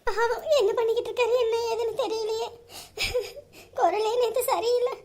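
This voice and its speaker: A woman's voice: extremely high pitch, fairly even intonation, normal speed, a little mellow. A woman playing a tearful young married daughter who pleads while crying. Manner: weepy, pleading.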